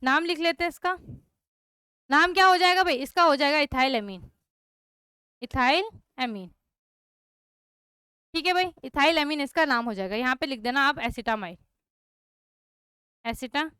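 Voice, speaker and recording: Bright, high-voiced woman teaching chemistry. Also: a little fast, no echo, clean studio sound. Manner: repeats checks like "clear?" and "okay" to students. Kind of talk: online class lecture.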